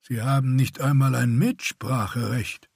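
A man's voice: mid-range voice, fairly even intonation, measured pace, vocal fry, a little mellow, husky, no echo, studio quality, pitched above the performer's own voice. A man voicing a tall, older male warrior who grumbles and speaks dismissively. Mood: haughty.

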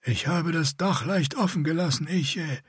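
A man voicing a young, scarred, one-eyed male warrior with a grating, raspy voice and a curt, threatening manner. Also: fairly high pitch, normal speed, no room sound, studio quality, voice pushed up. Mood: cold.

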